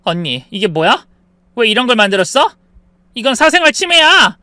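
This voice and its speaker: A man voicing an indignant young adult sister-in-law who shrilly shouts accusations. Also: very high-pitched, big pitch swings, moderate pace, no room sound, pitched above the performer's own voice, heavily acted.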